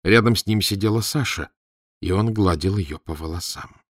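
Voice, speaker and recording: A man narrating an audiobook in an expressive reading, close to the mic. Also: sits low, moderate pace, dry recording. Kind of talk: scripted narration.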